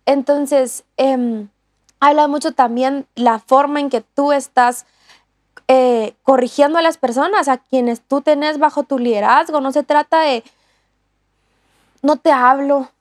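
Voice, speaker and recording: A woman's voice: high voice, fairly even intonation, unhurried, a little mellow, no room sound, clean studio sound. A woman, co-hosting a talk on discipleship in an earnest, casual way with many restarts and fillers. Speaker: co-host teaching on discipleship.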